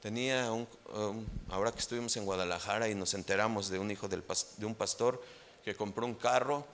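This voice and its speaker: A Mexican pastor with a Mexican Spanish accent, preaching a sermon emphatically and rising in pitch on key points. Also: male voice, fairly even intonation, a little fast, a bit bright, slight background noise.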